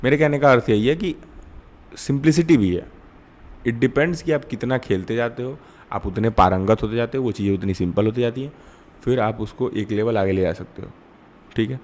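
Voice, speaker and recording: A man's voice: mid-range voice, normal speed, a little mellow, slight background noise. A young man giving a reflective monologue as the channel's host, thinking aloud with fillers and restarts and mixing in English.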